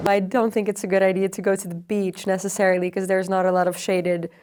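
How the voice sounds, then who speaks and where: A young adult woman, a PhD researcher, explaining in measured interview answers with frequent ums and uhs. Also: medium pitch, slight background noise. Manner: measured, even, with frequent fillers. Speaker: PhD researcher on extreme heat.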